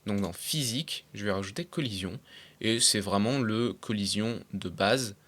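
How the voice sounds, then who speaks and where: A young man talking casually through a software tutorial step by step, with frequent fillers and English terms mixed in. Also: lowish voice, moderate pace. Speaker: tutorial creator. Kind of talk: screen-recorded software tutorial.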